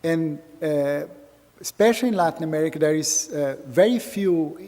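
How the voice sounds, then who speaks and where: A man's voice: on the high side, moderate pace, warm tone, in a large hall. A man adding remarks in an academic lecture, hesitant, with many fillers. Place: lecture hall.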